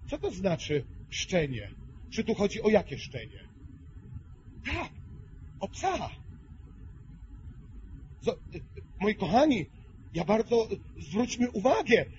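Male preacher, high voice, impassioned sermon, muffled lo-fi sound. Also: slight background noise. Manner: impassioned, swings between hushed and loud. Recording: muffled lo-fi recording.

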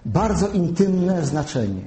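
A man giving a sermon, teaching slowly and carefully and spelling out terms one by one. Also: sits high, very animated, warm tone. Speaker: preacher. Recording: echoey room.

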